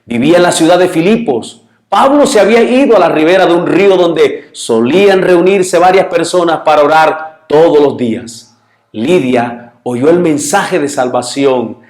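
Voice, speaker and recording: A man leads a church Bible lesson at an unhurried, measured pace, his voice sitting a little high. He reads Scripture aloud and puts questions to his listeners. The sound carries a noticeable echo from the room. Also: darkish tone. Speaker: Bible teacher. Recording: echoey room.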